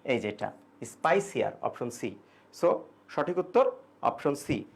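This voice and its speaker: A man's voice: medium pitch, big pitch swings, unhurried, creaky, slightly rough. A young man teaching an English grammar class, explaining casually in Bengali with English examples and answering students' questions. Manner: reads student questions aloud and answers them. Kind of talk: online exam-prep grammar class.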